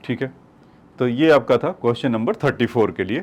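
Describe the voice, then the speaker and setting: A man with a medium-pitched, animated voice talks a little fast. He is a physics teacher solving problems on a whiteboard, explaining every step and calling his students children.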